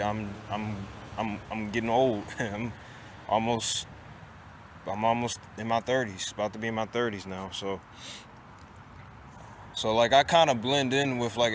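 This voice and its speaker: A man in his late twenties, a vlogger, delivers a casual monologue to camera, rambling to his viewers with lots of restarts and fillers. His voice is mid-range, with slight background noise in the recording.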